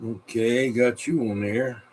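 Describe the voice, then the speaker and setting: Hosting a vintage radio show on a livestream, a man with a medium-pitched, darkish voice talks slowly and steadily. He's congested, coughing and clearing his throat frequently, as he folksily rambles, greets viewers, and mutters to himself, with clear background noise and room ambience behind him.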